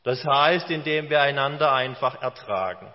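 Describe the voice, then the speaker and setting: A man preaching a sermon as pastor, slow and deliberate with emphatic pauses. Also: mid-range voice. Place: church. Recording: dull, reverberant church hall recording.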